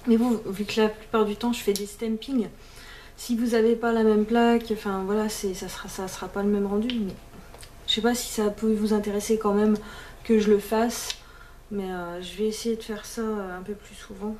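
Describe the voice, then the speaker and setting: A woman's voice: mid-range voice, a little mellow, a little hiss or hum. A woman talking casually to camera about her nail polishes and books, chatty and full of fillers and restarts, now and then slipping in English words. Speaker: beauty vlogger.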